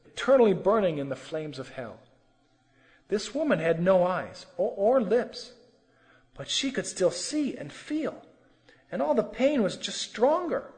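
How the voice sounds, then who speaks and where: A man's voice: sits high, darkish tone, in a large hall. A man telling a sermon testimony with earnest, emotional storytelling. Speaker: testimony preacher.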